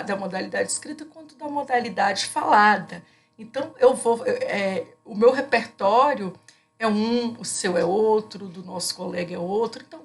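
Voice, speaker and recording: A woman, giving a recorded class lecture in an explanatory way, often pausing on fillers and restarting her sentences. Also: mid-range voice. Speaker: teacher.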